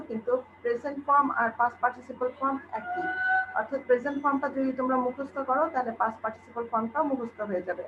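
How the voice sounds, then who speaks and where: A Bangladeshi woman teacher in an online class, slowly reciting English verb forms one by one and patiently explaining them to her pupils. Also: on the high side. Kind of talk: recorded online class lesson. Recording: dull lo-fi recording with faint noise.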